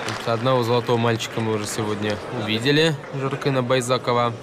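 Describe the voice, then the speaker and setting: A man from Russia giving live MMA commentary in halting phrases. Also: mid-range voice, steady tone. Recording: loud crowd and venue noise behind.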